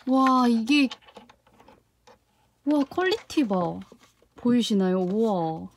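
Against a noisy background, a young woman with a higher-pitched voice takes her time reviewing a toy container in a casual unboxing vlog, frequently letting out delighted gasps and exclamations as she handles it.

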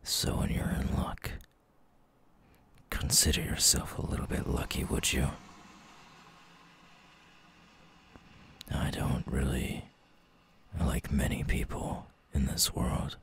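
A man playing a menacing, teasing eyeless night creature in an ASMR roleplay, whispering in a breathy, gravelly, slow and deliberate way. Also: extremely low pitch, monotone, fairly bright tone, exaggerated voice. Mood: mock-sympathetic.

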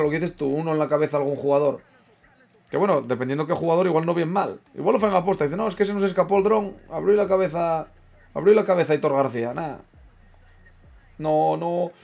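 A young man giving casual commentary while playing a football management game, chatting with viewers, swearing and yelling at big moments, then muttering low. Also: gravelly. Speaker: gaming streamer. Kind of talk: casual live gameplay commentary.

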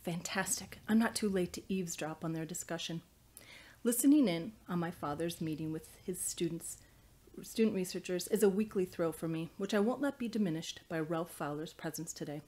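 This author, a woman in her thirties, presents and reads her own novel in audiobook-style scripted narration. Her voice is lowish with a darkish tone, and she's recording in a small indoor study filled with bookshelves.

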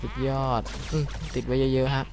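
A young man hosting a let's play video, commenting on his gameplay casually, swearing and swinging between startled shouts and low mutters. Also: steady tone, normal speed, vocal fry. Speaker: gaming channel host.

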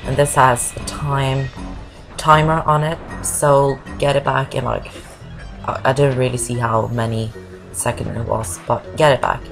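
Low and rumbling, with vocal fry, her steady, unhurried voice carries rambling, casual commentary on a game walkthrough. She's a woman from Norway, not an English speaker, who keeps saying "I guess," and loud game music sits under her.

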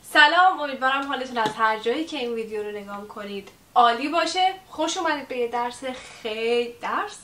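A chatty woman with a fairly high voice gives a casual English lesson to camera. She wanders off topic and drops English words into her talk. The mic sits far from her in an echoey room with a faint rumble behind. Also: fairly bright tone. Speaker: online English teacher.

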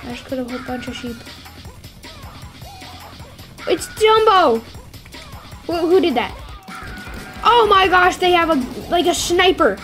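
A woman giving playful, excitable commentary while playing a game, squealing and yelping whenever things go wrong. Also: extremely high pitch, normal speed, long pauses, faint music behind. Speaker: gameplay streamer.

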